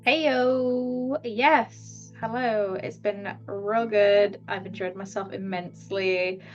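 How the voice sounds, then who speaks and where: A woman's voice: mid-range voice, steady tone, slow pace. A woman tabletop player chatting casually and informally about a game. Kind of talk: casual chat. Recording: slightly dull sound, faint music. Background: faint music.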